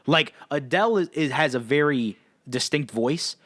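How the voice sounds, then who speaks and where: A man's voice: fairly high pitch, moderate pace, fairly bright tone, no room sound. A man in his twenties co-hosting a podcast in casual chat, laughing easily and repeating his favorite phrases. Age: 20s. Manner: laid-back, laughs often, repeats "that's nuts". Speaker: podcast co-host.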